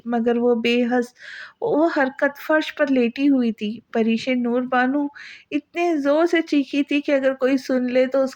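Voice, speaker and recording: A woman's voice: high-pitched, darkish tone, lo-fi sound. Emotional woman narrating an audiobook. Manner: emotional, voices the characters' cries. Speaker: novel narrator.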